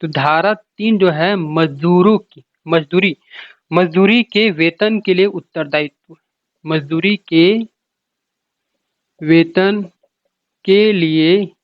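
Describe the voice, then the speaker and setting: Slow and full of long pauses, this high-leaning male voice belongs to an exam coach giving a relaxed lecture, restating ideas and asking questions he then answers. The recording is dry, dull and lo-fi.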